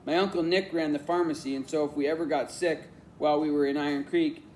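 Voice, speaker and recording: Brief: male audiobook narrator, calm reflective storytelling, a faint hiss behind. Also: fairly high pitch, fast talker. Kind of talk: scripted narration.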